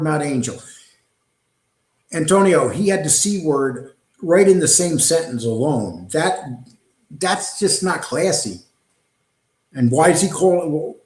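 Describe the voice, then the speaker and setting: A middle-aged New Yorker with a fairly high, slightly mellow voice hosts a relaxed live stream. He rambles while reading the chat and often says "um" and "uh." The room he is in echoes.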